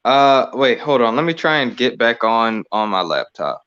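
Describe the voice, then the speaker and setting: A man calling into a group discussion over his phone, halting and full of fillers. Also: mid-range voice, animated, a bit bright, clear, resonant tone. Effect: speaking over a phone line. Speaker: panel participant calling in. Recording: dull lo-fi phone audio.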